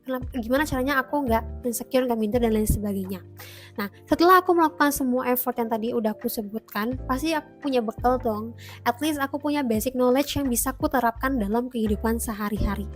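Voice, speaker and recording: High-voiced chatty Indonesian woman vlogger. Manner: chatty, mixes in English phrases, encouraging. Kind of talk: casual talking-to-camera vlog.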